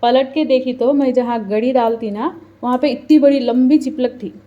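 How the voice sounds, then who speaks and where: A woman's voice: high-pitched, fairly even intonation, moderate pace, dull audio. A woman with a Hyderabadi accent telling a personal story in a casual, earnest way, acting out what people said. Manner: earnest, chatty, quotes people aloud. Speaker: mother telling her story.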